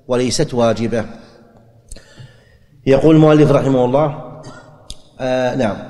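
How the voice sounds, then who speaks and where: A man's voice: mid-range voice, warm tone. A man teaching a lecture on religious rulings, explaining step by step, repeating key phrases and asking and answering his own questions. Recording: long hall reverb.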